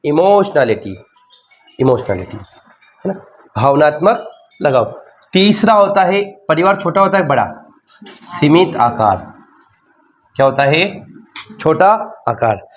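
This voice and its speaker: A man's voice: fairly high pitch, lively intonation, slow, pauses often, lo-fi sound, a little hiss or hum. A man with a Hindi accent teaching a sociology class, repeating key terms and asking and answering his own questions. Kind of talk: classroom lecture.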